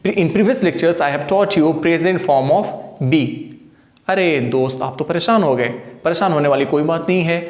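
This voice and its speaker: A man's voice: fairly high pitch, takes it slowly, roomy sound. A man teaching an English grammar lesson in a chatty, coaxing way, speaking to his students as kids. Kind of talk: video lesson.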